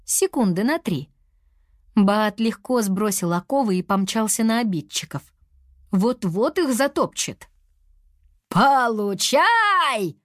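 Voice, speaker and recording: A woman narrating a children's storybook, reading in an expressive, animated manner. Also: medium pitch, unhurried, no room sound, studio quality.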